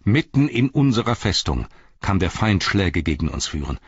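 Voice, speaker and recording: Weary commanding old wizard voiced by a man, deep and measured, muffled recording. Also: sing-song, breathy edge, dry recording, full character voice. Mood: grave.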